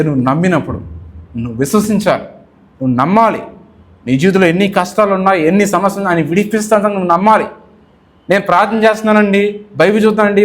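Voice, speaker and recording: A man pastor with a Telugu accent, preaching a sermon with passion and acting out people's questions to God. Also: a little high.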